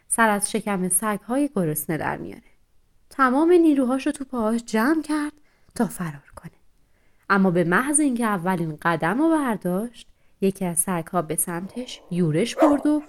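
A woman narrating an animal story in a soft, dramatic way, sinking into hushed whispers at tense moments. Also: medium pitch, lively intonation.

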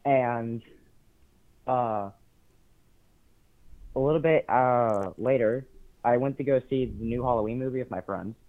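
A man's voice: medium pitch, unhurried, long pauses. A young man calling in to tell a dating story, hesitant and full of ums and nervous laughs. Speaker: caller. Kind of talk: telling a story on a call. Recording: tinny phone line.

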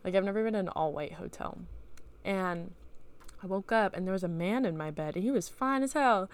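Young woman podcaster, swears a lot, clean smooth voice, rambly home mic chat. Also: mid-range voice, a little fast. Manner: loose, profane storytelling with laughs. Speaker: podcast host. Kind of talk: casual solo podcast chat. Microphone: home computer mic.

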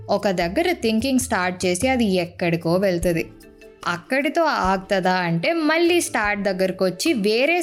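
A young woman hosting a podcast, talking straight to the listener in a playful, self-mocking monologue and acting out her anxious inner thoughts, with English phrases mixed in. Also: a little high. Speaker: podcast host.

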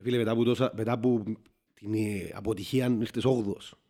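A man with a Cypriot Greek accent chatting casually about football, halting as he circles back and repeats himself. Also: on the low side, fairly even intonation, warm tone. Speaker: football fan podcast panelist.

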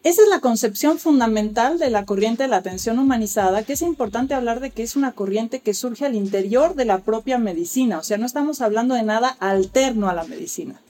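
A woman's voice: on the high side, animated, a little fast, few pauses, mellow. A woman, speaking as an expert guest and explaining childbirth care in an articulate, lecturing way. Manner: articulate, lecturing, acts out quoted dialogue. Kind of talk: explanatory interview talk.

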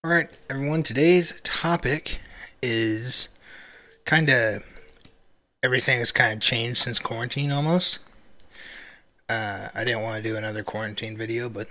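A young man co-hosting a family podcast in casual chat, relaxed and halting, with lots of fillers and restarts. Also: medium pitch. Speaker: podcast co-host.

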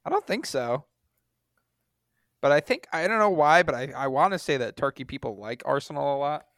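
A man's voice: on the high side, expressive, normal speed, fairly bright tone, no echo, clean studio sound. A man co-hosting a sports podcast with casual banter and a wry, dismissive fan's manner.

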